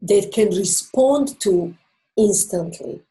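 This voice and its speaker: In a low-quality recording, a woman with a medium-pitched, expressive, dark-toned voice and vocal fry gives relationship advice as an interview guest. She's a native Croatian speaker with a Croatian accent. Her manner is earnest and explanatory, marked by emphatic pauses.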